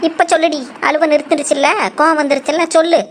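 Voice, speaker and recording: A woman voicing a bold, bossy village woman in a cartoon, scolding and excitable. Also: sits high, fast talker, heavy background noise, lightly acted. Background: music.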